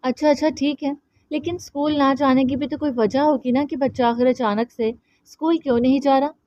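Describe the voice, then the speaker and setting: A woman's voice: high voice, steady tone, a little fast, no echo, highs cut off, lightly acted. A woman reading a doting young uncle. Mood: protective. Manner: gentle, coaxing.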